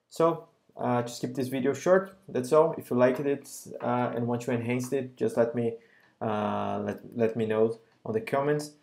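Easygoing man walking through a software demo. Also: medium pitch. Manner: relaxed explaining with frequent "uh" fillers. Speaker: software solution architect. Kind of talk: screen-recorded software demo.

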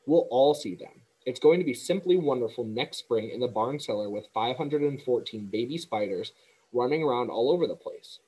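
Innocent young storybook pig, voiced by a male reader; earnest and wondering, breathy tone. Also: mid-range voice, animated, normal speed, dark tone, poor audio.

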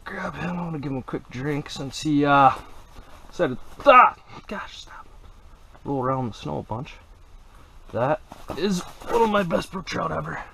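A young man filming himself ice fishing on a body-worn action camera, narrating casually and exclaiming in excitement. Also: a little high, unhurried, vocal fry, long pauses, a little hiss or hum, poor audio. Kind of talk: casual first-person narration. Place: outdoors on a frozen lake, then in an ice shelter.

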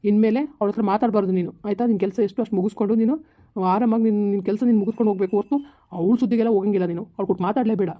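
A woman acting as the calm master of the house, soothing his worried wife and lecturing the maid in an amateur family drama. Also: medium pitch, very fast, phone-quality sound, close to an everyday voice. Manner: soothing, scolding, repeats "aayta?". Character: stern calm husband of the house. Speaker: husband in family skit.

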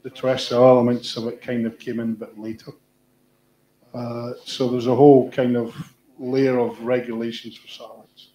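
A man's voice: mid-range voice, level tone, moderate pace, warm tone. A man on a conference panel, explaining at length with fillers and restarts. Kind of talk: panel discussion. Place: large conference hall on stage. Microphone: room sound from far in the audience. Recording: echoey hall from far off.

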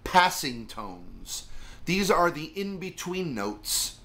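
Teaching guitar soloing in a casual video lesson, this middle-aged man rambles along with plenty of fillers. He speaks slowly in a fairly high, sing-song voice that is bright and forceful.

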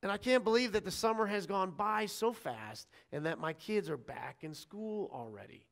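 A male pastor preaching a sermon in an animated, conversational way, acting out scripture dialogue and chatting with the congregation. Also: sits high, normal speed, vocal fry. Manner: animated, acts out quoted lines with shifting voice.

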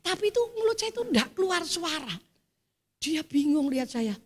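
A middle-aged woman with a Javanese accent preaching a sermon, telling chatty stories and swelling into loud exhortation. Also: high voice, very animated, moderate pace. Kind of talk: sermon with storytelling. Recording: echoey church hall.

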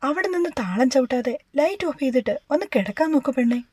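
A woman's voice: high voice, expressive, fast talker, dark tone, breathy edge, dry recording. A woman voicing a short-tempered but caring young husband who scolds and then coaxes. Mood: irritated.

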